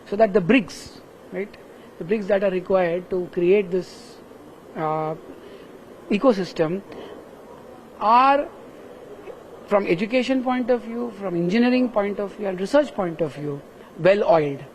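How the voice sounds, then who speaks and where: This professor, from Kerala and speaking Indian-accented English, is interviewed at a busy tech summit, explaining his work sincerely step by step with frequent "right?" tags. He speaks in a high-pitched voice, unhurried, with long pauses. The rough recording carries a bit of hiss or hum.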